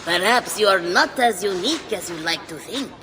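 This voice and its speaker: Her lowish voice is expressive and lightly acted as she performs a video game cutscene, playing a female merchant imp who is sly, teasing and scheming. The delivery is playful, insinuating and theatrical at normal speed, set in long hall reverb with clear background noise.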